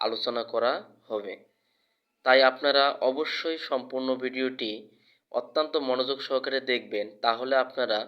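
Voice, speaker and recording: A man teaching English letter sounds, speaking slowly and repeating each example word louder. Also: medium pitch, muffled recording. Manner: slow, drills example words by repeating them louder. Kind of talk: spoken language lesson.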